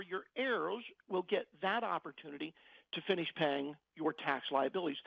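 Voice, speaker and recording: A man's voice: high-pitched, creaky, dry recording, highs cut off. A middle-aged man explaining things as a financial advisor in a radio interview, often repeating words as he searches for phrasing.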